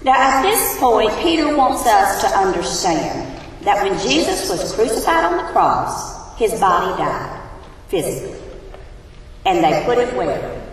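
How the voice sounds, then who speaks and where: A woman's voice: mid-range voice, sing-song, measured pace, recorded from a distance. A woman teaching a sermon who asks her congregation questions, her voice echoing around a big hall. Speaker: Bible teacher. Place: large hall.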